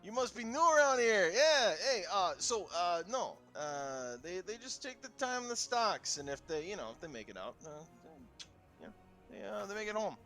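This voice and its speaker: A man voicing a crude, cruel male town guard with a New Jersey accent, high and loud. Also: big pitch swings, moderate pace, soft background music, exaggerated voice. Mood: mocking. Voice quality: brash, crude, mocking.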